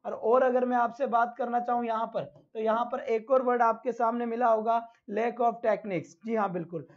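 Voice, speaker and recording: A man's voice: very high-pitched, steady tone, normal speed, dull audio. A male teacher giving a live online lesson, who asks his own questions, answers them himself, and calls his students "beta".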